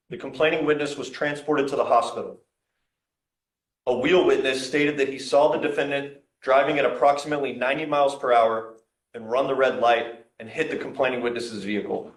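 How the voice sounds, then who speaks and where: Echoey male voice reading case reports. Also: medium pitch. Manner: matter-of-fact, formal. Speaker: court officer reading probable cause statements. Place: courtroom. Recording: echoey courtroom sound.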